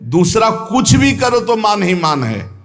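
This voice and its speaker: A man gives a devotional sermon in a North Indian Hindi accent. His earnest, emphatic voice sits somewhat high, and he repeats key phrases for weight. A long hall reverb follows every line. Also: sing-song, unhurried, fairly bright tone, soft background music. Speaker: spiritual teacher giving satsang. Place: ashram hall.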